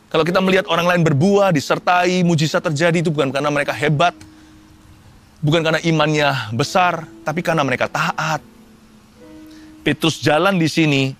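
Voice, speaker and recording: A man preaching a sermon, lively, with sudden rises in pitch and humorous asides. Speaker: pastor.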